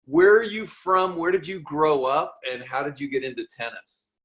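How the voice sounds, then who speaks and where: A man's voice: a little high, normal speed, fairly bright tone. A man hosting an interview, asking questions eagerly and often restarting his sentences over a video call. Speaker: podcast host interviewer. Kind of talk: casual interview.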